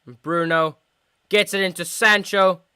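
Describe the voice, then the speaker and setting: A man hosting a live football watchalong in a fairly high, bright and crisp voice. He swings from shouted play-by-play to quiet, mumbled asides. The recording is dry and close, with no room sound. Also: fairly even intonation, a little slow, no room sound. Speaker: host of a football watchalong stream.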